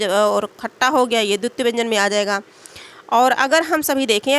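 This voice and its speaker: High-voiced woman teaching grammar. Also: fairly bright tone. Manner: explains and repeats points with rhetorical questions. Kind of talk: Hindi grammar lesson.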